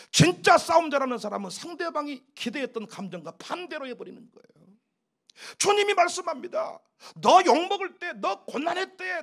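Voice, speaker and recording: A man preaching an animated sermon as a pastor, emphatic and often breaking into laughter as he acts out exchanges. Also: very high-pitched.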